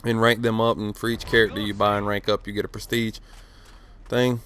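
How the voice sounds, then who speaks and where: A man's voice: lowish voice, flat delivery, fairly quick, fairly bright tone, slight background noise. A man in his late twenties giving casual, rambling gameplay commentary outdoors in the cold, swearing freely, with lots of fillers. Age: late 20s. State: cold, a little stuttery. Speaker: gaming commentator. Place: outdoors outside his house.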